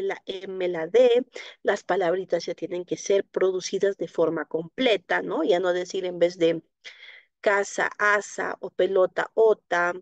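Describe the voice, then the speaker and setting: A woman's voice: medium pitch, no room sound, highs cut off. A woman teaching a live online class on child speech, explaining patiently and checking in with a frequent "¿no?", in Latin American Spanish. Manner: explanatory, frequent tag "¿no?", soft diminutives. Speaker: speech therapy instructor. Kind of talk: live online class, answering viewer questions.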